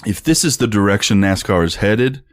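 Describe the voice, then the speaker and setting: A man's voice: fairly low pitch, lively intonation, normal speed, no room sound, studio quality. A young man co-hosting a sports podcast in casual chat, blunt and profane, laughing often and reading tweets aloud. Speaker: podcast co-host.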